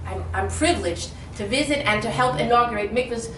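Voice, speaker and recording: At a community event, an older Detroit woman speaks briskly in a higher-than-average voice. As guest speaker, she is lively, humorous and heartfelt, captured from far off in an echoey hall with faint background noise.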